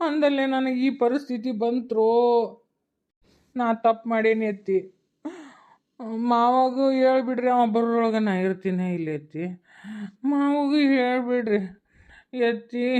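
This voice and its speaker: A woman's voice: fairly high pitch, darkish tone, smooth, lightly acted. A woman voicing a remorseful young village husband in a cartoon, pleading in a mournful farewell with a North Karnataka Kannada accent. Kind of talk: cartoon voice acting. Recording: dull lo-fi recording.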